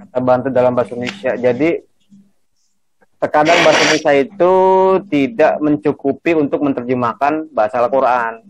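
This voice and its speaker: A man's voice: medium pitch, steady tone, fairly quick, noisy background. A man teaching a class on Quranic grammar over a video call, explaining patiently and checking in with his students.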